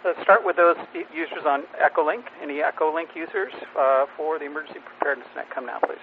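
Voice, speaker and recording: A man's voice: on the high side, fast talker. Man on a staticky radio channel. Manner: reads a set preamble, with some fillers and restarts. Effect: radio transmission with static. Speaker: net control operator. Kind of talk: running a ham radio net. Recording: tinny radio audio with static.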